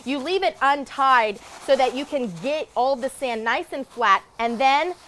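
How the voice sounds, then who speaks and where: A woman's voice: high voice, measured pace, fairly bright tone, a little hiss or hum. A woman news reporter giving an emphatic, instructional demonstration to camera, checking that listeners follow.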